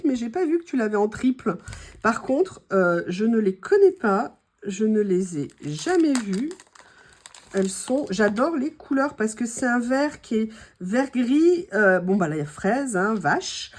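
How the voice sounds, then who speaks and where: A woman with a French accent and a slightly hoarse voice, chatting casually to viewers as she opens her mail, gushing and full of fillers. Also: on the high side, lively intonation, a little slow. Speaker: craft vlogger opening mail.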